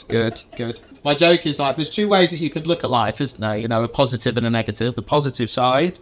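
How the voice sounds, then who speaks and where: A man's voice: medium pitch, a bit bright. A man from Warwickshire, a stand-up comedian telling anecdotes and acting out quoted dialogue in casual chat. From Warwickshire, England. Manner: storytelling, acts out quoted dialogue.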